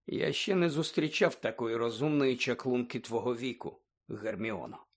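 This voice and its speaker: A man voicing a calm, weary adult male teacher who speaks quietly and with restraint in an audiobook. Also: medium pitch, normal speed, husky. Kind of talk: audiobook character voice.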